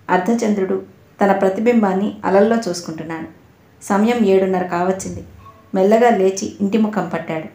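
A woman narrating an audio novel in a measured, even storytelling manner. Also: medium pitch. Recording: roomy echo.

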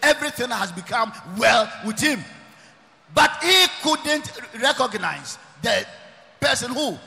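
A man preaching, emphatic and often shouting, repeating his phrases. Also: very high-pitched, big pitch swings, measured pace, vocal fry. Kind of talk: preaching sermon. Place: large church hall. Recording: long reverb of a large church hall.

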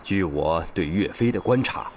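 An actor playing a genial older gentleman in a costume TV drama, jovial and affable as he talks. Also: low voice, animated, moderate pace, slight background noise. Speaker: Lord Han, a host and matchmaker.

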